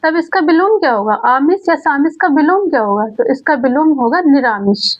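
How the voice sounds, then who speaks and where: Female teacher, high voice, exam-prep lesson; poses then answers her own questions, muffled lo-fi audio. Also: lively intonation. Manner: repeats key words slowly. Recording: dull lo-fi sound.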